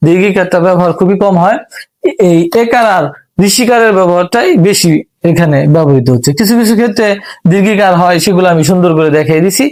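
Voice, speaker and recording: Male Bangladeshi teacher, high pitch, patient step-by-step delivery with lots of repetition. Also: darkish tone. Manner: patient, repeats and spells out syllables slowly. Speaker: English reading teacher. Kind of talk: step-by-step spoken lesson.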